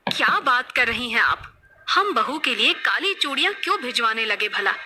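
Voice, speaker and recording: A woman voicing a composed middle-aged mother-in-law who speaks calmly and formally. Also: on the high side, normal speed, noisy background. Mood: puzzled. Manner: calm, formal and reassuring.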